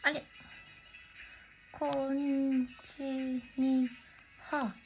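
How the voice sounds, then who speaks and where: Giggly high-voiced Kansai woman streaming. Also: flat delivery, very slow, soft background music. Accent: Kansai Japanese. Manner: giggly, chatty, answers chat greetings. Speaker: livestreamer. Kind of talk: casual livestream chat.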